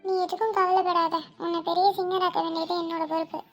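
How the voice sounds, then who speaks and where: A woman's voice: extremely high pitch, level tone, fast talker. A woman voicing a worried, protective middle-aged mother in a cartoon, fussy and exclaiming. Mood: reassuring. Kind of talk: cartoon voice acting. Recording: loud background music.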